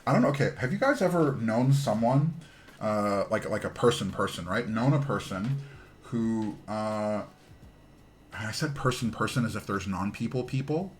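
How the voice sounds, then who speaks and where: A man's voice: lowish voice, lively intonation, normal speed, slight background noise. A man in his thirties chatting casually while streaming a keyboard build, telling rambling stories that trail off and restart. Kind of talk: casual live-stream chat.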